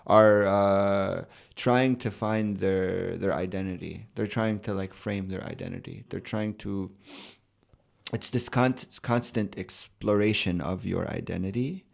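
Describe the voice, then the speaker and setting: A young American man, a rapper and poet, talking in a relaxed, thoughtful way with many fillers and restarts in a podcast interview. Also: low-pitched, unhurried, vocal fry. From United States.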